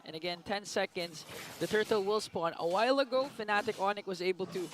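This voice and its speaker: A man calling live esports play-by-play, speeding up with excitement as the action breaks out, on a headset mic. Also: sits high, slight background noise. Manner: excited, fast bursts calling plays.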